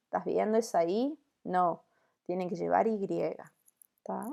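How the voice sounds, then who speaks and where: Slow, gravelly-voiced woman teaching Spanish. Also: on the high side, a little mellow. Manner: slow, deliberate, drills conjugations with frequent "¿tá?" checks. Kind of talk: recorded online grammar lesson.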